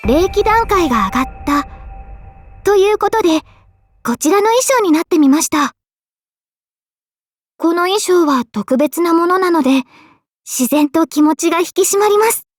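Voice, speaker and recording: A young heroine mage from a Japanese fantasy game, tomboyish, modest, and earnest, and later a solemn king, delivers her voice lines politely and modestly. Her high, clear, youthful voice is animated at normal speed with long pauses. The close, dry recording has no room sound, just soft background music.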